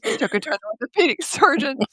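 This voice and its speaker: Older woman telling lively stories with laughs. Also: sits high, fast talker, dry recording. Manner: lively, laughs often, acts out quoted speech. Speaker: guest. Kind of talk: casual conversational storytelling. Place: home office. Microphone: video call.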